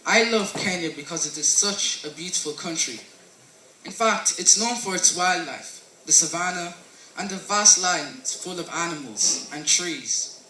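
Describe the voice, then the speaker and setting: A man's voice: fairly high pitch, expressive, measured pace, bright, forceful tone, slight background noise. A teenage boy reading a sincere school speech, with small slips. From Ireland. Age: teens. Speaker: student presenter. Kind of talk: scripted school presentation. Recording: roomy echo, mic at a distance.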